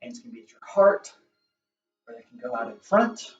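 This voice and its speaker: Yoga teacher, male, somewhat high voice, calm encouraging cues, far from the mic in a roomy space. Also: normal speed. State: out of breath. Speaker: yoga instructor. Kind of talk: guided yoga class instruction. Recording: roomy, distant, dull camera audio with faint music.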